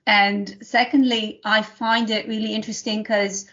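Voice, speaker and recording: A woman's voice: mid-range voice, level tone, moderate pace, fairly bright tone. A woman from Serbia, hosting an interview and asking long, winding, eager questions. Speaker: podcast host. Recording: slightly dull audio.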